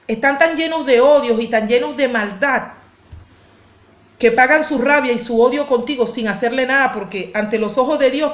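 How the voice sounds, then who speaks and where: A woman pastor preaches with fervor in a fairly high voice. She circles back on her phrases and restarts words as she presses her point. The sermon carries the echo of a roomy space. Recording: echoey room.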